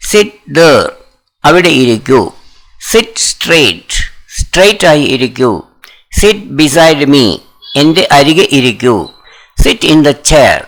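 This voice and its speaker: A man's voice: a little high, a bit bright, poor audio. A man with a Malayali accent teaching spoken English, reading short commands one at a time, each followed by its translation. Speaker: language teacher. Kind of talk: slow, deliberate phrase-by-phrase reading.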